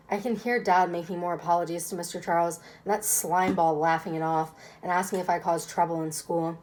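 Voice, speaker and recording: A woman's voice: lowish voice, a little mellow, poor audio. A woman reading a children's novel aloud expressively, as first-person narration. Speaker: reader.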